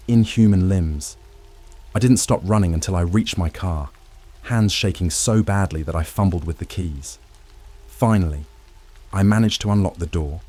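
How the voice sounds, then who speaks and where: A man narrating a first-person horror story in a scripted, tense storytelling manner with dramatic pauses. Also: deep voice, warm tone, breathy edge.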